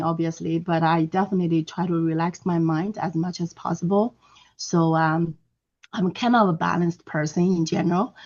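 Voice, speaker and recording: Hoarse woman, chatty with little laughs, lowish voice, dull lo-fi call audio. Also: darkish tone. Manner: chatty, laughs between sentences. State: hoarse, losing her voice. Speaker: participant, financial advisor.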